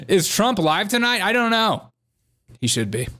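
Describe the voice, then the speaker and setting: Speaking into a desk microphone on camera in a small room, a man in his thirties offers comedic news commentary full of sarcasm and mockery. He laughs and spells things out in a drawn-out way. His voice is high-pitched and sharp, with a breathy edge.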